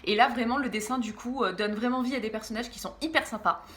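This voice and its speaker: A young woman chatting casually through book reviews, groggy from medication and stumbling over words between frequent giggles. Her voice sits a little high and has a bright, sharp edge. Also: quick pace. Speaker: book vlogger.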